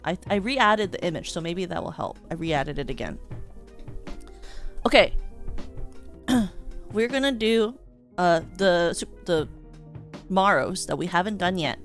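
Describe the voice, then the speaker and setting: A woman's voice: mid-range voice, fairly bright tone. A young woman streaming casual chat, giggly and rambling, with frequent restarts.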